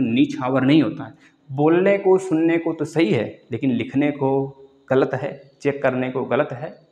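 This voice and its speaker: Man, grammar teacher, repeats words, quizzes viewers, middle pitch, echoey room. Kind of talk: exam-prep video lesson.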